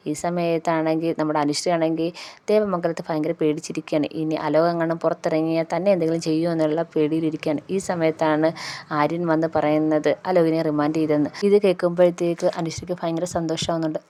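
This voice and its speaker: Fast-talking low-voiced woman. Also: darkish tone. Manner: quick, run-on retelling with quoted dialogue. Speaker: serial recap narrator. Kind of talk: fast storytelling recap.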